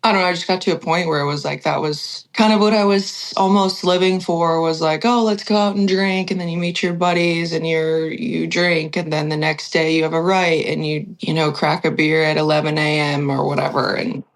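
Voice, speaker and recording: A woman's voice: low-pitched, fairly even intonation, normal speed, hardly any pauses, low-quality recording. A woman singer-songwriter talking candidly in a casual podcast conversation, full of "like" fillers. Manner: chatty, lots of "like" fillers, candid.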